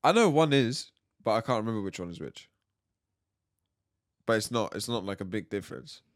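A man's voice: fairly low pitch, animated, no room sound. Teasing British man on a dry mic. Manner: joking, teasing, quick to laugh. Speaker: podcast co-host. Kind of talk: casual chat.

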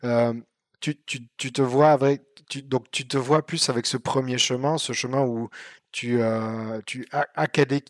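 A man's voice: medium pitch, fairly even intonation, measured pace, no echo, clean studio sound. A man hosting an interview, asking long rambling questions in a casual way. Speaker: interviewer, podcast host.

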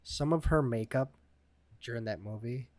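A man's voice: medium pitch, normal speed. A man in his thirties co-hosting a casual movie podcast, laid-back and agreeable, often laughing. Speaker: podcast co-host.

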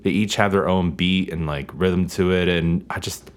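A man co-hosting a casual podcast, animated and a bit excitable, swearing casually. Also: sits low, normal speed. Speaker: podcast co-host. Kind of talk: casual chat.

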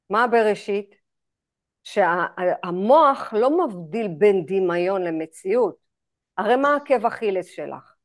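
A woman guiding a women's group session, animated and acting out inner dialogue in hushed asides. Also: medium pitch. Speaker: spiritual group facilitator.

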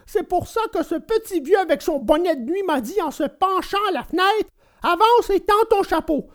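Woman playing a whiny wooden puppet boy, very high-pitched, bouncy lively voice, pleading, storybook. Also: moderate pace. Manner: whiny, pleading, bursts into shouts. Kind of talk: storybook reading.

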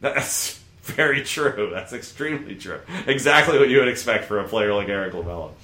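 A man's voice: on the low side, brisk, pushed and bright. A man with a Southern California surfer accent hosting a casual sports podcast in an echoey room. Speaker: podcast host.

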